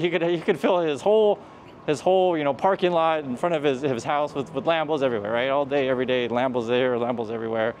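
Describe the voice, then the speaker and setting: Walking outside along a street near traffic, a man with a mid-range voice casually vlogs, offering earnest but rambling advice with many restarts. There's a little hiss or hum in the audio.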